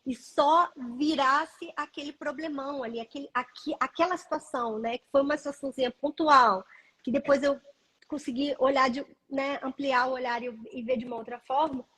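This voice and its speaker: A woman's voice: high-pitched, fairly even intonation, normal speed, fairly bright tone, rough recording. A woman and parent educator speaking earnestly and reflectively in a live video chat, often checking in with her listener. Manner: earnest, reflective, peppers speech with "né" and "sabe".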